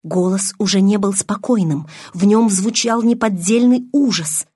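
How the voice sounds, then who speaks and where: A woman's voice: medium pitch, measured pace, warm tone, husky, no room sound, clean studio sound. A woman narrating a first-person audiobook in a dramatic, emotional reading.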